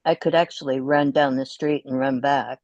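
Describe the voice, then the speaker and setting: A middle-aged woman talks as a guest on a video call, with a low voice and a dry, close sound. She tells her stories in a chatty way and laughs often. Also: fairly even intonation, normal speed, a little mellow, dry recording, highs cut off. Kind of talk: casual chat.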